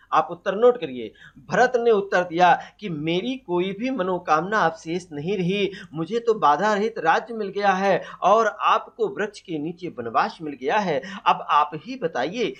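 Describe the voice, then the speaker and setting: A man teaches a Hindi poetry lesson for exam prep, quizzing his students, answering his own questions, and reciting verse slowly. His voice sits high, with lively intonation and a fairly bright tone. The audio is dull and lo-fi.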